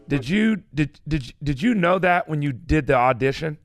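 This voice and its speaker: Male radio co-host, lively and slightly high, tripping over his questions, with a dry studio sound. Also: normal speed, no echo. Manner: chatty, stumbling interviewer. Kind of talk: casual interview.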